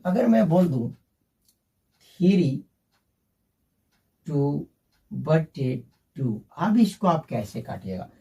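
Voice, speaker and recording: A man's voice: fairly high pitch, dark tone, recorded from a distance. A man teaching a basic math lesson, working through sums step by step and calling his viewers "my friend".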